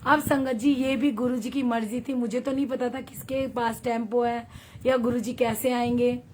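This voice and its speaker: A woman from Haryana hosts a devotional satsang, her voice sitting a little high as she chats easily with her viewers. She moves between a story and their comments, laughing often. There is a faint hiss under her voice from the phone stream. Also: steady tone, moderate pace. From Haryana, India. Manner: chatty, warm, laughs often, reads viewer comments aloud. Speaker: satsang leader on a livestream. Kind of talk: devotional storytelling and live chat.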